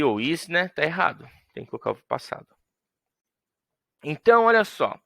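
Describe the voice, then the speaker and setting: A man's voice: a little high, gravelly, sharp tone, dry recording. A man teaching English grammar in a playful way, acting out little scenes to show his examples. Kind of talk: explaining grammar to students.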